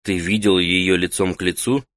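Male narrator doing an old mage interrogator, low, calm, commanding, dry close mic. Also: no echo. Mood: cool. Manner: measured, quietly commanding. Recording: dry close studio sound.

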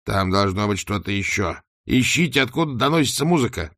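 A very old undead wizard talks in a low, even, unhurried voice, as a male narrator plays him. He stays calm and gently ironic. The sound is close and dry. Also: no room sound.

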